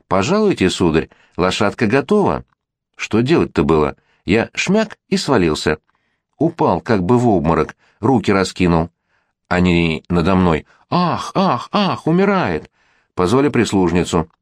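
A boastful, hot-blooded young rake, as a man reading the story puts him on, gushing in breathless bursts. His low voice leaps up high again and again, in a dry, close storybook reading. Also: dry recording.

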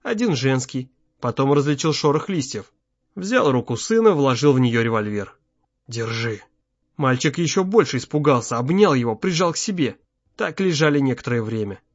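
A man narrating an audiobook in a measured, tense storytelling manner. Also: medium pitch, lively intonation, dry recording. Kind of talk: scripted narration. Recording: slightly muffled, dry.

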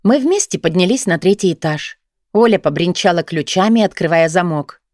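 A woman narrating an audiobook in the first person, with lively, expressive storytelling. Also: on the low side, moderate pace, no echo, clean studio sound.

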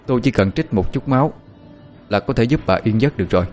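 A man doing a cold, calm young schemer. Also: medium pitch, fast, soft background music, lightly acted.

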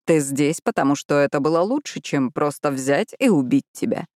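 A woman voicing a quiet, mocking male vampire in an audiobook, speaking dryly. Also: low voice, lively intonation, moderate pace, dry recording. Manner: quiet, dry, smirking. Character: mocking, cool male vampire, grown man.

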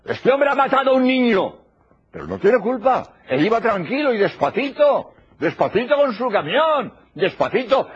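A man's voice: high voice, husky. An older man giving a religious lecture, emphatic and repeating his key phrases. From Spain. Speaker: preacher. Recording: dull lo-fi old tape recording.

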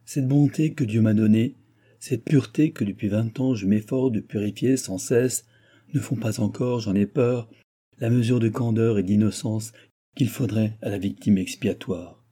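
A man's voice: fairly low pitch, moderate pace, dark tone, husky. A man reading the lines of a devout young princess in an audiobook, earnest and solemn.

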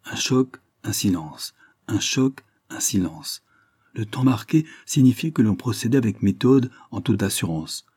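A man narrating an audiobook in a measured, literary reading style. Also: on the low side, animated, darkish tone, husky, no room sound, clean studio sound. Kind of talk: scripted narration.

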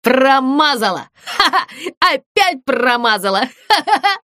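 A woman's voice: high voice, sing-song, a little slow, pushed and bright, no room sound, clean studio sound, heavily acted. A woman voicing a sneering, rule-obsessed ghost in a storybook, mocking and gloating with giggles.

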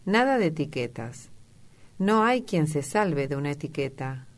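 Brief: a woman doing an urbane, epigram-spinning English lord in a storybook reading; low voice, unhurried, dryly ironic. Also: very animated. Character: witty, languid English aristocrat man, middle-aged.

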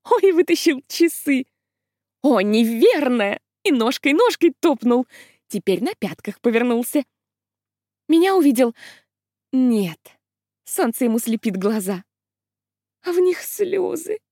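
A woman voicing a romantic, excitable young maid in a country pageant, chattering breathlessly with gasping exclamations. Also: high voice, measured pace, pauses often, no room sound, studio quality, exaggerated voice. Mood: excited, gossipy. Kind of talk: acted audiobook reading.

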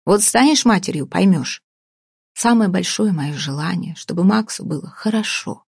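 A woman reading an audiobook voices a domineering, sarcastic older businesswoman who talks slowly and deliberately, with a husky tone. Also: lowish voice, animated, a little mellow, no room sound, studio quality, heavily acted. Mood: sardonic. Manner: cutting, sarcastic, slow deliberate delivery.

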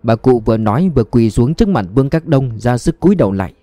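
A man narrating a detective audiobook in a measured storytelling manner, recorded close on a studio mic. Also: mid-range voice, expressive, warm tone, no room sound.

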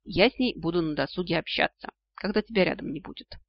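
Doting vampire elder, male, calm explainer, man narrating, breathy tone, dull dry audio. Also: fairly high pitch, fast talker, dry recording. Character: old male vampire ancestor, cheerful and doting.

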